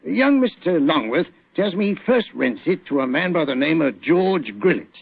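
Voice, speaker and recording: Gravelly police inspector Lestrade. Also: male voice, fairly high pitch, big pitch swings, normal speed, no echo, exaggerated voice. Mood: matter-of-fact. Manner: colloquial, chatty, deferential. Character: deferential, plain-spoken London police inspector. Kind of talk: 1940s radio acting. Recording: muffled vintage radio recording.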